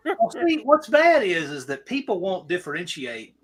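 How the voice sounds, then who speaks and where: A man's voice: high voice, huge pitch swings, moderate pace, a bit bright, slight background noise. A man on a casual chat stream, making his point firmly and at length. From American South. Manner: opinionated, emphatic, argues his point.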